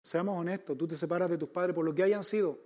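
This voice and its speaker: Un pastor con acento chileno que predica un sermón, enumerando puntos y haciendo preguntas retóricas a la congregación. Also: male voice, on the high side, quick pace, darkish tone. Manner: emphatic, counts numbered points, asks the congregation rhetorical questions. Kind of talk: sermon.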